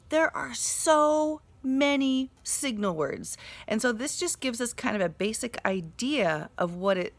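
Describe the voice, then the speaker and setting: A mother and teacher giving a slow, encouraging grammar lesson to young children, with fillers as she explains. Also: medium pitch, gravelly.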